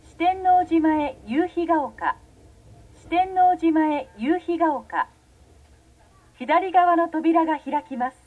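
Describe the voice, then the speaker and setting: A woman's voice: extremely high pitch, takes it slowly, narrow, tinny audio. A woman reading formal, scripted station announcements as a subway announcer. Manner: formal, carefully phrased.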